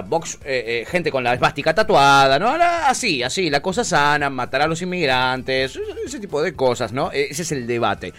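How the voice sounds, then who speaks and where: A man's voice: medium pitch, fairly bright tone. A man with an Argentine accent hosting a casual political talk show, joking and sarcastic as he reads out comments. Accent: Argentine Spanish. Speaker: show host.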